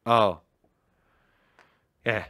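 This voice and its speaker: A man's voice: extremely slow, no echo. A man co-hosting a tech stream in casual banter, teasing and laughing often as he tells jokes. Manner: laughs often, teasing, animated joke-telling.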